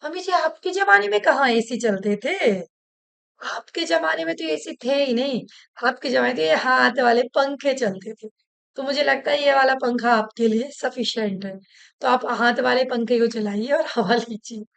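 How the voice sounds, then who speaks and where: A woman voicing a quick-witted, newly married young daughter-in-law who answers back with pert comebacks. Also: high voice, creaky, fairly bright tone. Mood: cheeky.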